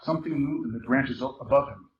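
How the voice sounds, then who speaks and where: A man performs a novel excerpt aloud, fast and in a mid-range voice, narrating and acting out its dialogue as a theater performer would. Faint noise runs through the muffled live recording.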